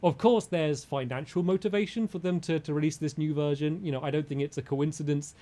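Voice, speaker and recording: Man, slightly higher voice, measured casual commentary, diplomatic, careful qualifications. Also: steady tone, warm tone. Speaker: gaming content creator.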